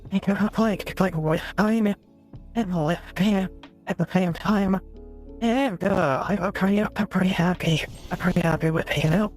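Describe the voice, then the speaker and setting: A woman streamer talking through a voice changer filter, halting and garbled as she rambles. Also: medium pitch, a little mellow, faint music behind, pitched below the performer's own voice. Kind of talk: casual live-stream chat.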